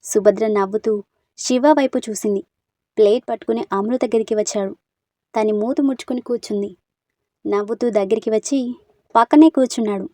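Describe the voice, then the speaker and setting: Soft-spoken woman storyteller. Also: mid-range voice, steady tone, a little fast, pauses often, no echo, studio quality. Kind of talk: storybook narration.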